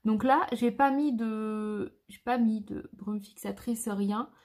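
A woman's voice: on the high side, slow, darkish tone. A woman, a makeup artist talking viewers through a makeup tutorial step by step in a chatty way. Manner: chatty, shows each step.

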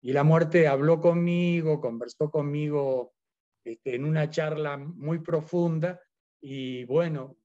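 A man's voice: on the high side, takes it slowly, dark tone, muffled recording. A man in his seventies, born in Argentina, speaking as an interview guest, hesitant and full of fillers. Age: 70s. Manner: hesitant, many fillers and restarts. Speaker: interview guest, Biodanza teacher. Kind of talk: casual interview.

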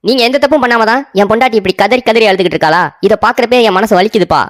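A woman's voice: on the high side, very fast, slight background noise, natural voice. A woman voicing a naive, easily swayed grown son in a cartoon story, with whiny, pleading requests. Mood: blaming.

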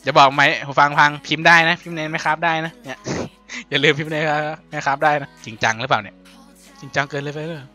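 A young man playing and commenting on a video game in a casual, playful way, laughing often and yelping when excited. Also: on the high side, quick pace, faint music behind. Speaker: gaming YouTuber.

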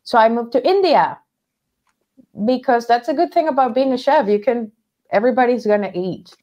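A woman's voice: a little high, moderate pace, darkish tone. A woman in her thirties from Venezuela, a guest telling her story in a casual interview over a video call, laughing often. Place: home workroom, indoors. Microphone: headset on a video call.

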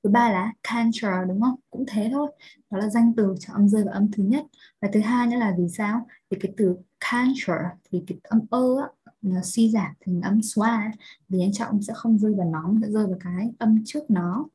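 A woman with a Vietnamese accent explaining English word stress step by step, often pausing to check understanding with rhetorical questions. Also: mid-range voice, dark tone, husky, low-quality recording. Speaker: English teacher. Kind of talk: pronunciation lesson.

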